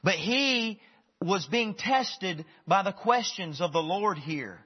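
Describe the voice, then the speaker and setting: A man preaching in a church hall, his voice sitting a little high and slightly husky. He is emphatic, swinging from loud bursts to hushed lines and often repeating words as he restarts. The recording is dull and carries a long hall reverb. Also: expressive, takes it slowly. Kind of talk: sermon.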